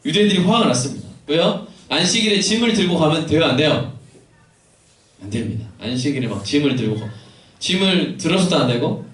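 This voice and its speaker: Lively male pastor, echoey from afar. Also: a little high, a little fast. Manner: lively, poses questions to the congregation, joking asides. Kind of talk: sermon. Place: church sanctuary. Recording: echoey church hall from far off.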